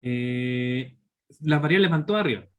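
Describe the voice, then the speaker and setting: The audio is narrow and tinny as a university teacher in his thirties, Chilean-accented, leads a live online programming class. His medium-pitched voice moves a little slowly while he explains step by step and keeps checking in with students using tag questions.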